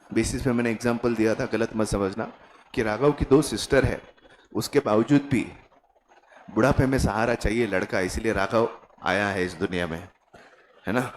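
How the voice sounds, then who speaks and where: Male teacher, Indian accent, lowish voice, chatty lecturing style with rhetorical check-ins. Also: a little hiss or hum, rough recording. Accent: Indian English. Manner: keeps asking the class rhetorical check questions; joking, conversational teaching. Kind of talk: classroom lecture.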